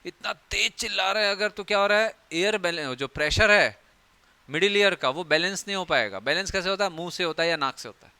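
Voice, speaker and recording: A man's voice: high-pitched, animated, quick pace, sharp tone, clear, resonant tone, no room sound. A young man teaching biology in a chatty, joking classroom lecture, acting out everyday scenes.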